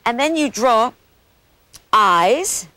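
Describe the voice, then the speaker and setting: A woman hosting a children's TV show, presenting crafts and tricks in an animated, bouncy way and talking straight to the children. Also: a little high, very slow, dry recording. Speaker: children's TV host.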